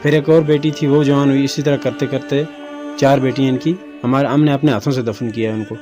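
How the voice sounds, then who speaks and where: A man's voice: medium pitch, steady tone, a little fast, mellow, faint music behind. A man in his thirties, a neighbor being interviewed, speaking earnestly and respectfully. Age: 30s. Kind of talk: interview answers.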